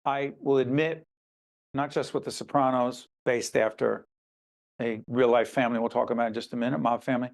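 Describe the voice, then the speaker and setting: A medium-pitched male voice, a little fast with vocal fry and fairly even intonation, belongs to a host raised in Newark, New Jersey. Interviewing an author, he interjects with emphasis and directs the exchange.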